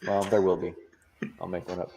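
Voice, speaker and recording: A man's voice: low voice, little pitch movement, brisk, gravelly, crowd noise. A young man narrating as game master for a tabletop game, often repeating words as he restarts his sentences. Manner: stammering restarts, acts out characters' lines.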